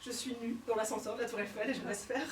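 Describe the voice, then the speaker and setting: A woman comedian performing a one-woman stage show, telling her story theatrically and swinging between hushed and shouted lines. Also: fairly high pitch, steady tone, racing, background noise. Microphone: fixed camera from the hall. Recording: roomy hall sound from far off.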